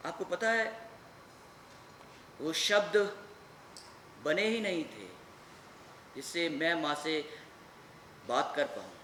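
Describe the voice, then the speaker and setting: A man giving a dramatic solo storytelling performance, moving between hushed narration and shouting. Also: a little high, very animated, slow, pauses often, distant mic, slight background noise. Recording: echoey room with faint ambience.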